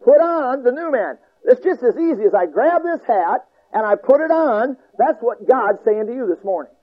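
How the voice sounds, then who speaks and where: High-voiced preacher on tinny radio. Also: male voice, very animated, moderate pace. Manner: emphatic, repetitive, folksy preaching. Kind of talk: sermon.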